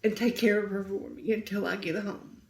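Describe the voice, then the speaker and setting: Softly grieving middle-aged woman, roomy sound. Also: medium pitch, steady tone, fairly quick. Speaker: guest. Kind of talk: emotional interview storytelling. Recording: roomy echo.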